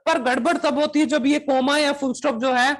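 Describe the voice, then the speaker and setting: A man's voice: very high-pitched, steady tone, brisk, a little hiss or hum. A man teaching a coaching class, constantly asking students whether they understand and drilling them with questions. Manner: switches between Hindi and English demonstration phrases.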